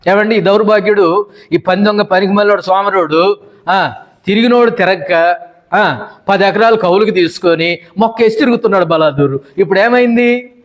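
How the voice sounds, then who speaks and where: High-voiced man preaching emphatically. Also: moderate pace. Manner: emphatic preaching with long repeated lists and quoted voices of wives. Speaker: pastor. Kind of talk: sermon.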